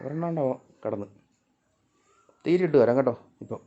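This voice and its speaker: A man's voice: medium pitch, normal speed, muffled recording. A man, vlogging in casual talk as he coaxes and calls out to his cats outdoors at home. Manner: coaxing, calls out loudly to the cats.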